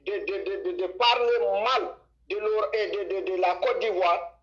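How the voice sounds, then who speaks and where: High-voiced Senegalese man on a dull line. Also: moderate pace, a bit bright. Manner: emphatic, repetitive, stumbling restarts. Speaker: caller. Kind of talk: call-in to a live stream.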